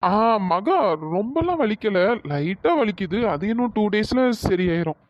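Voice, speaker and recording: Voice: mid-range voice, big pitch swings, normal speed, darkish tone, highs cut off, natural voice. A performer voicing an injured young man in a cartoon story, reassuring and teasing his girlfriend. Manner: reassuring, playful.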